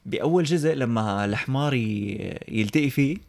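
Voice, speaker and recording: A man's voice: mid-range voice, moderate pace, vocal fry, darkish tone. A young man with a Syrian Arabic accent chatting casually as a podcast co-host, mixing French and English words into his Arabic. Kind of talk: casual chat.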